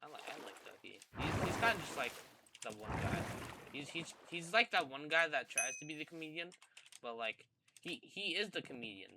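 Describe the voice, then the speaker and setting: Guy rambling thru a gaming story, lots of ums and repeats, pitch all over the place. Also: very animated, moderate pace, gravelly, heavy background noise. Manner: rambling and hesitant, many ums and repeated words. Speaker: gamer telling a story. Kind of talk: casual storytime. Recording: loud keyboard typing and clicks behind.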